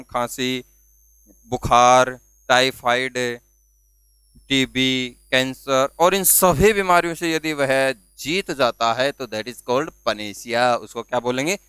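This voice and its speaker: A man's voice: mid-range voice, bright, forceful tone, clean tone, no echo. A man teaching vocabulary, asking questions and answering them himself and spelling words out letter by letter. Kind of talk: classroom-style video lesson.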